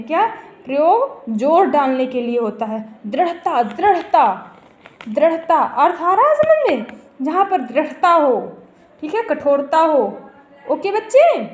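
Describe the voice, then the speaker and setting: A woman's voice: high voice, darkish tone. A woman teacher explaining grammar to her students, repeating each term and checking that they follow. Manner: calls students "beta", repeats terms, checks understanding. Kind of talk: grammar lesson. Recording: echoey room.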